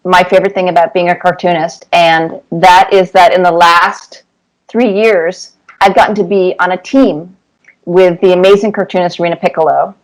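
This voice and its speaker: Responding to an interviewer, a woman cartoonist shares casual stories with animated energy, repeating words for emphasis. Her voice is on the low side and her pace moderate. The recording sounds rough.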